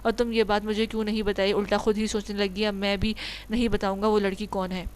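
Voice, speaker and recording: A woman reading an audio novel voices a young husband who is serious but half-amused, teasing his wife and gently warning her. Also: mid-range voice, level tone, smooth, lightly acted. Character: young husband, calm, teasing, quietly firm.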